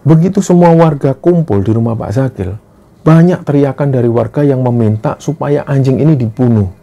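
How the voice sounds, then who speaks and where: A man narrating a horror story in a steady, earnest storytelling manner. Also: mid-range voice, moderate pace, gravelly, muffled recording. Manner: steady, earnest retelling with frequent "nah".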